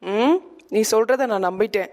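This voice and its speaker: A woman's voice: mid-range voice, moderate pace, a little mellow, natural voice. A woman acting a stern, domineering mother-in-law who scolds in a comic skit. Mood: scolding.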